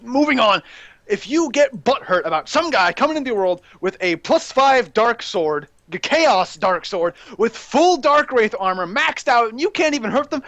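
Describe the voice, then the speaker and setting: A young man hosting a rambling, excitable gaming rant that breaks into shouting while he plays. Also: very high voice, normal speed, few pauses, no echo, lo-fi sound. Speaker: gaming channel host ranting.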